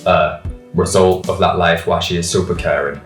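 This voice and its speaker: A man's voice: sits low, steady tone, normal speed. A man talking about an old friend in a thoughtful, hesitant way, with many "like"s, in a documentary interview. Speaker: childhood friend. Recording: roomy sound with background music.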